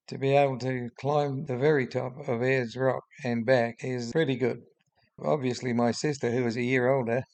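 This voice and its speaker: A man in his seventies with a broad Australian accent and a droning voice, giving blunt, opinionated spoken commentary as a video host. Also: mid-range voice. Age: 70s. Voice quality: droning, gravelly.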